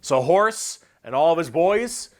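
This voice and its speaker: A man's voice: fairly high pitch, animated, a little slow, loud music behind the voice. A man streaming, casually explaining game lore in a loose, profane way and reading chat messages aloud.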